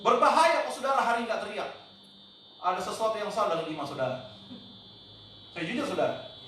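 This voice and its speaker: A man preaching a sermon as pastor, emphatic, tossing in English words and sometimes shouting out quoted cries. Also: sits high, expressive, fairly quick. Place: church hall. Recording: very echoey church hall, mic at a distance, faint noise.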